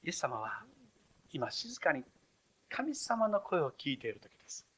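A man's voice: fairly high pitch, big pitch swings, unhurried, pushed and bright, breathy edge. A male pastor preaching an expository sermon, retelling scripture in a storytelling way with acted voices.

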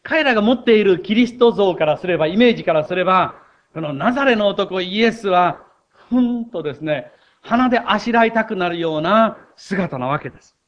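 A middle-aged man preaching a sermon as pastor, emphatic and rising to high exclamations. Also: animated, fairly quick, dull audio.

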